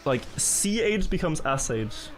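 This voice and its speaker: Higher-voiced man chatting on stream. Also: sing-song, measured pace, slight background noise. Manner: rambling, chuckling storytelling. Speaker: gaming streamer. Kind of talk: casual live-stream chat.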